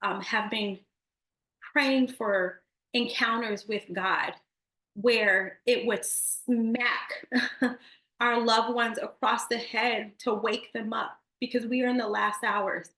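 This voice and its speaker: A woman's voice: a little high, fairly even intonation, slow pace, pushed and bright. A woman in her thirties giving an earnest, emotional personal faith testimony, speaking directly to her viewers. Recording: echoey room.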